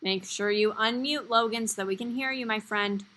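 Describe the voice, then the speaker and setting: On a video call from a small indoor room, a young woman who teaches primary school leads a live online lesson for little kids. Her voice is fairly high, bright and pushed, at a moderate pace, with an encouraging, simple kids-show-host style and sing-out counting. The sound comes through her computer mic.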